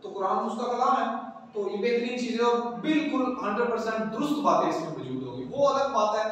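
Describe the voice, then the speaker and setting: A man teaching a religious class with a high, carrying voice. He talks in an animated way and keeps asking his listeners rhetorical questions. He was recorded from a distance in a long, reverberant hall with faint noise behind. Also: fairly quick. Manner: animated, asks the class rhetorical questions, mixes in English words. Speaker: Islamic lecturer teaching a class.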